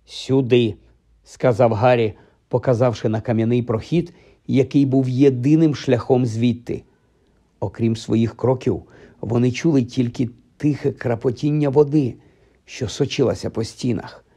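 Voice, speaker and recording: A man reading a storybook aloud as an audiobook narrator, expressive and measured. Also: mid-range voice, breathy edge.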